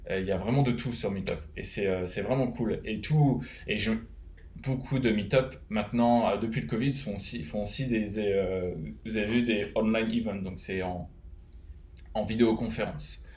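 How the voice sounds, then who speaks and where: A Frenchman with a French accent, now living in Canada, talks casually from home with advice for fellow web developers, rambling with lots of fillers and restarts. His lowish voice is a little mellow, moving at a moderate pace, and the sound is reverberant.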